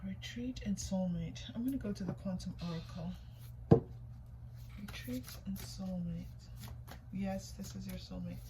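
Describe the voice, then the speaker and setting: Speaking a little slowly in a medium-pitched voice and pausing often, a woman hosts an intuitive, informal tarot reading. She thinks out loud, repeats herself, and questions what appears, while room ambience and background noise are clearly heard.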